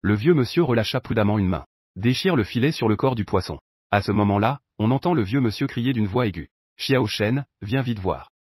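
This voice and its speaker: Husky male storyteller. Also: lowish voice, lively intonation, a little fast, darkish tone, dry recording, studio quality. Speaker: narrator. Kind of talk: scripted narration.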